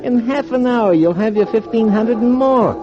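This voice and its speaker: An actor voices a menacing street robber who talks tough in gangster slang, speaking at normal speed in an extremely high pitch. It comes from a 1940s radio drama, heard through a dull vintage recording with music.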